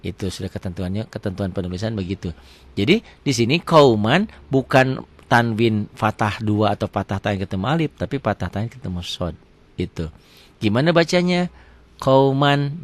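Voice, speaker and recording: Man teaching recitation, drawn-out examples. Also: on the low side. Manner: asks questions then answers them himself, drawls out example words slowly. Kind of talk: tajwid lesson with question and answer.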